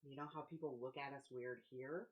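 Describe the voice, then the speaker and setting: A woman's voice: a bass voice, steady tone, a little fast, muffled recording. A woman playing a tabletop role-playing game, speaking in character in a blunt, dry, skeptical manner.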